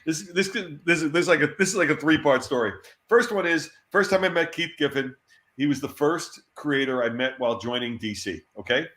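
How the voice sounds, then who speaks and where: A middle-aged man, a former comics editor, tells lively stories as an interview guest. He laughs often and repeats words when excited. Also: fairly high pitch, a little fast. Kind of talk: casual anecdotal storytelling. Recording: roomy echo.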